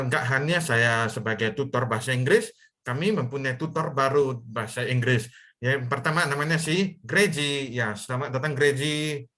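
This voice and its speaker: An online English tutor, a young adult man from Medan in North Sumatra, Indonesia, teaches a live virtual class by video call. He talks with a sharp tone at medium pitch, explaining in simple steps and checking in with the students as he goes.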